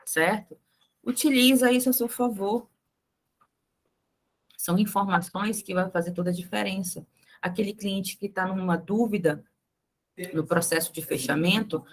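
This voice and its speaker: A woman's voice: mid-range voice, a bit bright. A young adult woman leading a live sales training, chatty and speaking straight to the group with frequent tag questions.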